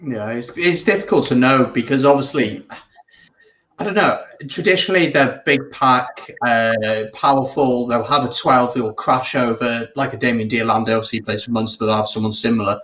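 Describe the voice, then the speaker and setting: A man's voice: mid-range voice, normal speed, fairly bright tone, rough recording. A man hosting a casual live rugby watch-along, chatting and reading out viewer comments. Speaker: watch-along stream host.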